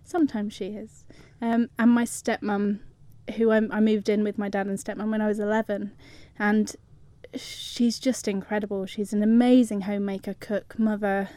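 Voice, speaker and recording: Radio interview guest: middle-aged woman, home counties English accent, medium pitch, very dry sound. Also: flat delivery, moderate pace, few pauses, warm tone, no room sound. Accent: southern English, home counties. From Surrey, England. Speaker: studio guest.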